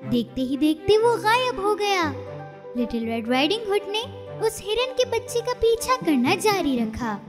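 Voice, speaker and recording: A woman narrating a storybook cartoon in an expressive, storytelling way. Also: extremely high pitch. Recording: reverberant, with music underneath.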